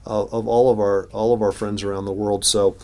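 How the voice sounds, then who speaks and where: Speaking at a city hall news conference, the mayor answers questions and delivers remarks in a lowish, darkish voice with a flat, brisk delivery. His talk is casual, full of fillers and false starts, with a bit of noise in the background.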